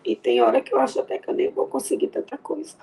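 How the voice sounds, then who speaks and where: A woman from Recife with a Recife accent, a grieving mother talking quietly and with heartfelt faith as an interview guest. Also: high-pitched, huge pitch swings, fast, creaky, a little hiss or hum. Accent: Brazilian Portuguese, Recife. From Recife, Brazil. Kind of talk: emotional interview.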